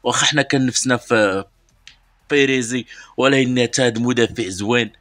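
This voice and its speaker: Fast-talking Moroccan man opening game packs. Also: mid-range voice, fairly bright tone. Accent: Moroccan Arabic. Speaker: mobile football game channel host. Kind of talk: live pack-opening commentary.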